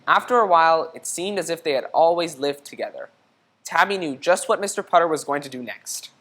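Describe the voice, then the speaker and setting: With a deep voice, a woman reads a storybook aloud to children in an expressive, teacherly style, stopping now and then to ask the young listeners questions.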